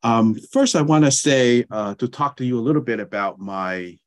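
Speaking from a home study with bookshelves, a middle-aged man from Tonga presents an online lecture with slides as a guest anthropology professor. His Tongan-accented, mid-range voice is animated and moderately paced, though he hesitates with frequent fillers and restarts.

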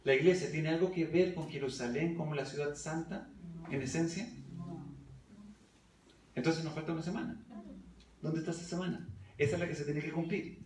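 A man preaching in a fairly high voice, recorded from a distance in an echoey church hall. He reads verses aloud and keeps asking the congregation questions. Faint background noise sits under the recording. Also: steady tone, normal speed, long pauses, darkish tone. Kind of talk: Bible study sermon.

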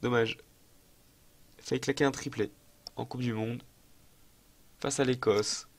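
Thinking aloud over a football management game, a young YouTuber keeps up chatty, excitable, self-mocking let's-play commentary in a casual tone. His voice sits in the mid-range and runs a little slow.

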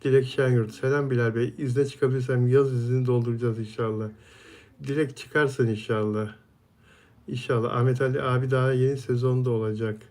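A man hosts a casual live stream, reading viewer comments aloud one after another. His voice sits at an ordinary middle pitch, and he answers each viewer by name in a friendly, chatty manner. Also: flat delivery, fairly quick, darkish tone.

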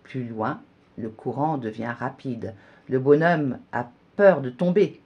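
A woman reading a children's story aloud, slow and animated. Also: breathy edge, lo-fi sound. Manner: slow, animated storytelling with wide pitch swings.

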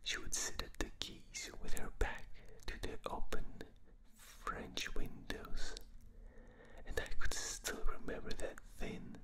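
Late at night in a dark room, a male reader whispers a book slowly into a binaural microphone for ASMR. His English carries a non-native accent, and his reading has small slips and restarts.

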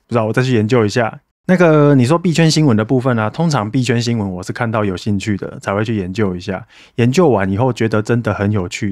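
A lowish male voice, recorded dry and at studio quality, belongs to a podcast host from Taiwan. He runs a casual solo show, chatting with listeners in a self-mocking way and thanking donors.

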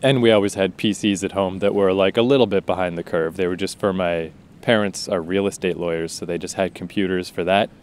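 Low-voiced Canadian man, rambling casually. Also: fairly even intonation, brisk, few pauses, slight background noise. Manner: rambling and casual, swearing freely, with frequent fillers. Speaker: podcast host and author. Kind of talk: casual spoken introduction.

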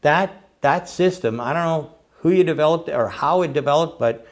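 A man's voice: a little high, moderate pace. An older man hosting a casual interview, talking in an enthusiastic, rambling way and stumbling over repeated words. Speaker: host.

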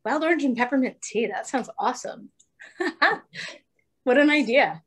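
A woman hosts an online cooking event in an upbeat, encouraging way, introducing each cook. Her voice is slightly breathy and sits a little high. She speaks through a webcam on a video call. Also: moderate pace. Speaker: host. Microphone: laptop webcam, video call.

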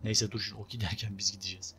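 A young man casually commenting on his own gameplay, chatty and excitable, talking to his viewers and urging on the game character. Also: fairly low pitch, very fast, a little hiss or hum. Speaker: gameplay video host. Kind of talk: casual let's-play commentary.

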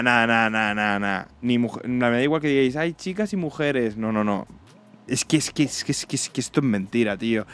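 A man's voice: fairly bright tone, clean tone. A young man from Spain with a Spanish accent, reacting to a video in casual, blunt commentary full of slang and swearing. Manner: blunt, slangy and swearing, mocking others in shrill put-on voices. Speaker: reaction streamer.

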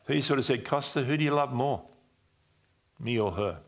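A man in his sixties, a pastor, seated on a dim church stage with a headset mic, telling a personal story in a conversational sermon and often dropping his voice low for emphasis. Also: normal speed. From Australia. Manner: conversational, animated gestures, drops low for emphasis.

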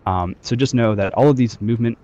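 A man's voice: medium pitch, fast talker, mellow, muffled recording. A man leading a game training session over group voice chat, instructing loosely with frequent fillers. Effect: heard over group voice chat. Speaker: squad trainer.

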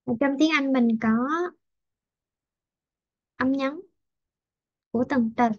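A woman's voice: sits high, steady tone, dry recording, muffled recording. Patient woman teaching online. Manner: patient, repeats example sentences slowly. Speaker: English teacher. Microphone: video call.

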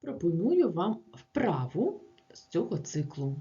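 A woman teacher works through grammar by asking short questions and answering them herself. She speaks slowly, and her pitch swings widely from word to word. The recording is muffled and lo-fi. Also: sing-song, mellow.

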